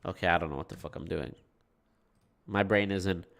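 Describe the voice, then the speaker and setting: A man whose nose is stuffed up hosts casual livestream chat, informal and sweary, using a folksy "y'all." His voice sits low and is steady and creaky, with a fairly bright tone and moderate pace.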